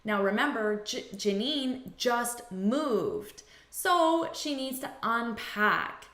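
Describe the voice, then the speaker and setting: A woman teaching English, speaking deliberately and repeating example phrases again and again. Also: on the high side, animated, a bit bright. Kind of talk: language lesson. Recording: echoey room.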